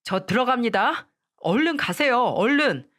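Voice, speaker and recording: A woman's voice: a little high, animated, measured pace, fairly bright tone, pitched above the performer's own voice. A woman voicing an arrogant young husband in a storytelling drama, talking in a dismissive, irritated way. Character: arrogant newly promoted husband, young man.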